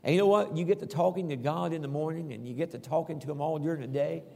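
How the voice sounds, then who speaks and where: A man's voice: fairly high pitch, fast talker, vocal fry, mellow, big-room sound. A man preaching a folksy sermon, reading Scripture and telling homey stories. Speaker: pastor.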